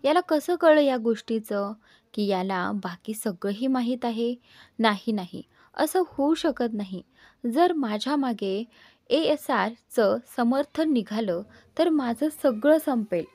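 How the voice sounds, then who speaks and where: A woman's voice: fairly high pitch, lively intonation, slow, a little mellow, no room sound, exaggerated voice. A woman voicing a young actress girlfriend who coaxes and mixes English words into her speech. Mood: defensive.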